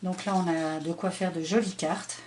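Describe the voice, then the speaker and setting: A woman's voice: lowish voice, fairly even intonation, normal speed, darkish tone, slight background noise. A middle-aged woman chatting through a scrapbooking haul, hesitant, with many fillers. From France. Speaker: scrapbooking vlogger. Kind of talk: casual haul show-and-tell.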